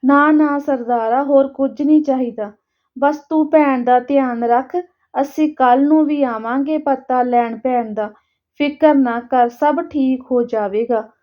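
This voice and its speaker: A woman's voice: high-pitched, a little slow, highs cut off. Woman doing a soothing, caring village woman. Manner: soothing, reassuring.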